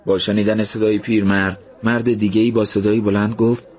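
A man narrates a story in a calm, gentle, measured voice. His pitch sits somewhat low, steady under the scenes he tells. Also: husky.

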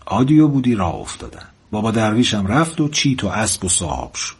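A man narrating a folk tale with lively, expressive storytelling. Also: fairly low pitch, vocal fry, husky.

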